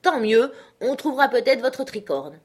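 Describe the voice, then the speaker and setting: A woman voicing a jovial, bold prankster doctor, loud, hearty and teasing. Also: sits high, very animated, moderate pace, breathy edge, voice pushed up, heavily acted.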